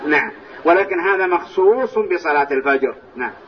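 A man teaching a lesson on hadith, explaining the texts step by step and softly reciting phrases of the call to prayer, heard in an old recording from a large mosque. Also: on the high side, animated, brisk. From Saudi Arabia. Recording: distant, dull, lo-fi old recording with faint hiss.

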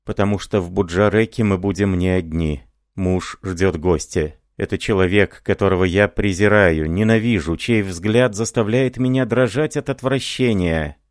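A man voicing a distraught, frightened young married woman, speaking softly and pleadingly. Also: low-pitched, moderate pace, no room sound, clean studio sound, natural voice. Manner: soft, trembling pleading.

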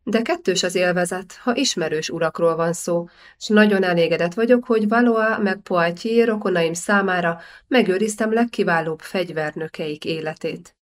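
A woman's voice: on the low side, lightly acted. A woman voicing a big, boisterous nobleman who banters heartily in an audiobook. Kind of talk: audiobook character reading.

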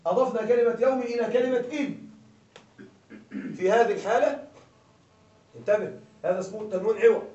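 High-voiced man teaching, echoey and distant. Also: brisk, pauses often, dark tone. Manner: keeps checking with listeners, repeating questions. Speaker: grammar teacher. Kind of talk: classroom lecture. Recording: echoey dull room sound from afar.

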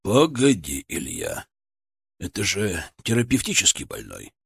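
A man voicing a stern senior surgeon who talks slowly and wearily, brushing off a request. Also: deep voice, wildly swooping pitch, creaky, a bit bright, husky, dry recording, studio quality, pitched below the performer's own voice, full character voice. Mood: dismissive.

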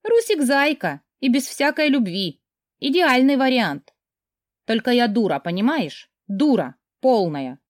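A drunk young woman in an audiobook, tearful yet flippant, who giggles and brushes everything off, as a woman reader puts her on. Her voice sits higher than the reader's own and leaps up and down. The sound is dry and close. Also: very animated, unhurried, no room sound. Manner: slurring, giggly, dismissive.

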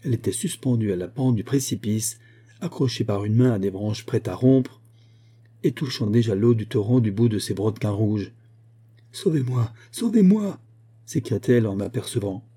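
Brief: male audiobook reader, mellow dark tone, steady literary narration. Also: fairly low pitch, breathy edge. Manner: measured storytelling reading. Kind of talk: scripted narration.

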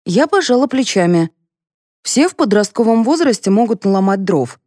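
A woman narrating a first-person audiobook in an expressive, wry manner. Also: mid-range voice, normal speed, dry recording, clean studio sound.

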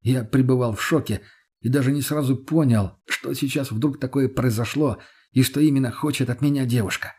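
Male audiobook narrator, husky, mid pitch, measured and steady.

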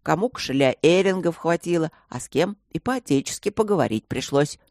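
A woman's voice: deep voice, animated, brisk, darkish tone, dry recording, studio quality. A woman voicing a burly, overprotective fantasy father who grumbles in a tipsy, doting way. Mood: grumbling.

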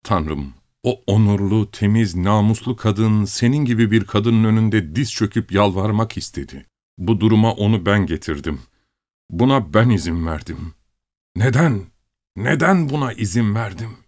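A man's voice: fairly low pitch, lively intonation, moderate pace, darkish tone, natural voice. A man voicing an anguished, remorseful husband who groans bitterly, in an audiobook story.

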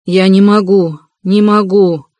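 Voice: medium pitch, fairly even intonation, measured pace, darkish tone, no room sound, lightly acted. A worn, irritable young man who insists and commands, as the narrator reads him. Dry, close audiobook sound. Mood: irritable insistent.

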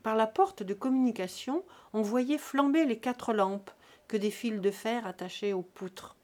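Woman reading a novel aloud. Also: on the high side. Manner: measured, expressive literary reading. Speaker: audiobook reader. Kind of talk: scripted narration of a classic novel.

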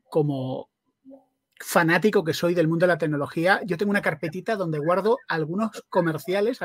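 A man's voice: fairly high pitch, no room sound, clean studio sound. A man with a Spain accent hosting a podcast, chatty and enthusiastic, asking long questions. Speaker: podcast host. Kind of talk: casual interview chat.

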